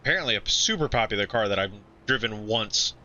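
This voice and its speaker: A man's voice: on the low side, lively intonation, fast, sharp tone. A man giving casual, offhand commentary while playing a racing game, thinking aloud. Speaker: gamer playing a racing simulator. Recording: dull, slightly lo-fi sound.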